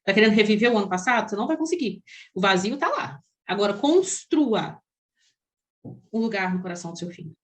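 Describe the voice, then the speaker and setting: A woman with a Brazilian accent, a parenting coach giving an expressive teaching talk that speaks straight to parents and asks them many questions. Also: medium pitch, fairly quick. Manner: expressive, talks directly to parents.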